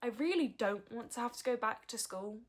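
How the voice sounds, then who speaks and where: In a candid personal vlog, a woman in her early 20s talks frankly and earnestly. Her voice is a little high and animated, moving at a moderate pace.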